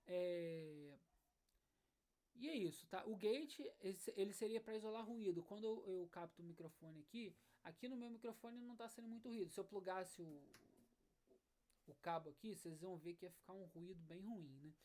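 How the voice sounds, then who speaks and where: Warm and medium-pitched, a woman explains an online music lesson at a normal pace, one step at a time. She often pauses to ask "né?" or "tá bom?", and a faint acoustic guitar can be heard.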